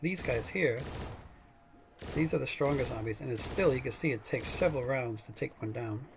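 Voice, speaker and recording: Gravelly man rambling over gameplay. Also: medium pitch, background noise. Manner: rambling, halting, many fillers and restarts. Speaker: gaming channel host. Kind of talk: casual gameplay commentary.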